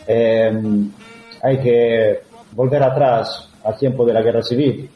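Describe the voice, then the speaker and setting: A man from Italy, speaking with an Italian accent as an interview guest, talking in a halting way full of fillers and restarts. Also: medium pitch, little pitch movement, soft background music. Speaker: guest, actor. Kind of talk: conversational interview. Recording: roomy, dull lo-fi sound.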